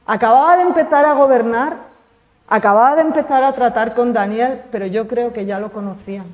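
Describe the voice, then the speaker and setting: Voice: medium pitch, a little mellow, muffled recording. Preacher, accent from Spain, conversational sermon with rhetorical questions, echoing church hall. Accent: Spain Spanish. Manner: conversational, asks the congregation questions.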